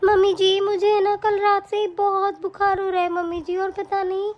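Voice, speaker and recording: A woman's voice: very high voice, completely flat delivery, normal speed, lo-fi sound. A woman voicing a young, put-upon daughter-in-law in a cartoon, pleading and hurt. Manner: pleading, soft-spoken. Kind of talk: cartoon voice acting.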